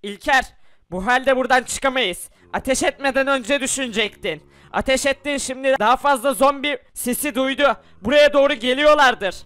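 A man's voice: very high voice, moderate pace, sharp tone, clean tone, no echo. A man voicing an anxious young survivor trapped in a house by zombies, who keeps scolding his friend. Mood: worried. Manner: anxious, scolding, repeats the other's name.

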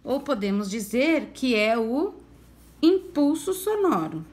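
A woman's voice: high voice, sing-song, darkish tone. A woman teacher with a Brazilian Portuguese accent, giving a recorded lesson to young children in a coaxing tone full of diminutives. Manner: slow, sing-song, coaxing with diminutives. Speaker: primary school teacher.

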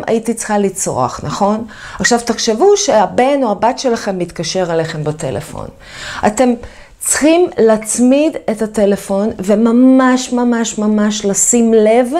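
A woman English teacher talks straight through a video lesson. Her voice sits a little high, and she explains with lively emphasis, repeating key words for her learners.

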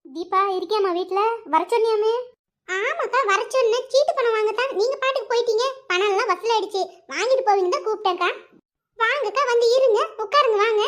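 A woman's voice: extremely high pitch, fast talker, a bit bright. A woman voicing a nosy, gossiping young village woman in a cartoon, who talks in a coaxing, prying way. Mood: welcoming. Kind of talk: cartoon voice acting.

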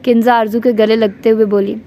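A woman's voice: on the high side, flat delivery, brisk, mellow. A woman reading a romantic novel aloud as an audiobook, speaking both the narration and every character's lines herself. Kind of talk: storytelling narration with character voices.

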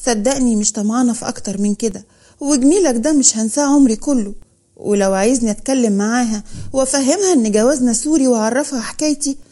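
A woman's voice: a little high, quick pace, dark tone, close to an everyday voice. A woman voicing a shy, hesitant young wife with an Upper Egyptian accent.

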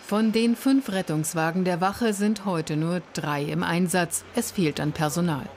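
A woman reading scripted documentary narration in an even, factual way. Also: fairly low pitch, a little slow, a little hiss or hum.

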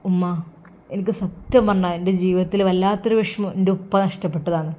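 A woman's voice: fairly low pitch, fairly even intonation, fairly quick, warm tone, close to an everyday voice. A woman voicing a grieving, devout young son who speaks earnestly to his mother. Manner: earnest, pleading, sorrowful.

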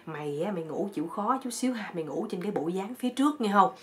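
A woman telling a comic story in a lively, chatty way full of exclamations. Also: medium pitch, fast.

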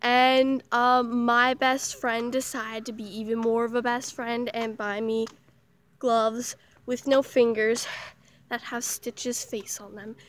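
Hoarse canadian teen girl rambling slow on a walk, kinda self-deprecating, high voice. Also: level tone. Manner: self-mocking, chatty, halting. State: hoarse with the flu. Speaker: vlogger. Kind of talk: casual vlog while walking outdoors. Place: outdoors in a small town.

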